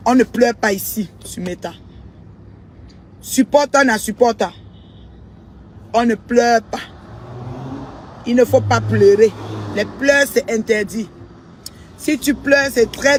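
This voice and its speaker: A woman records a casual vlog monologue outdoors as a social media commentator. She talks emphatically and repeats her points over and over, calling her listeners "maman." Faint traffic noise sits in the background. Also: fairly high pitch. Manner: emphatic, repetitive, keeps addressing listeners as "maman".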